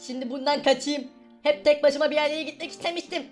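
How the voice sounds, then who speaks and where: A woman's voice: high-pitched, steady tone, quick pace, faint music behind, natural voice. A woman doing a bossy, sly little boy. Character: cheeky mischievous little boy.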